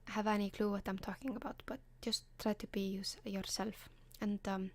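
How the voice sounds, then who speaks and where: With an Icelandic accent, a woman whispers advice intimately and quietly, ASMR-style, hosting an advice column. Her mid-range voice keeps a fairly even intonation at a moderate pace, punctuated by frequent soft ums as she hesitates. The recording is dry.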